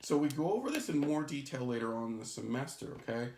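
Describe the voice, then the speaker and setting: A man at a mid-range pitch talks through a chemistry lesson for his students. He explains each idea step by step. He keeps pausing to check in with "okay?" and "right?". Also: very animated, darkish tone, a little hiss or hum. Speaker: chemistry instructor. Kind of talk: recorded lecture.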